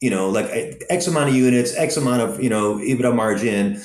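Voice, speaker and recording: Brisk and medium-pitched, this Southern Californian restaurant operator and investor fills his conversational interview answers with anecdotes and plenty of fillers, storytelling with liveliness. The sound is reverberant.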